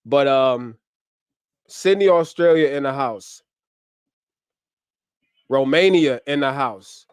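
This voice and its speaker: A man hosting a casual livestream from home, upbeat and slangy as he gives shout-outs to viewers, a little short on sleep. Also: medium pitch, takes it slowly, clear, resonant tone, no echo, clean studio sound. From US, grew up in Ohio. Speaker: livestream host. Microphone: camera mic on a livestream setup.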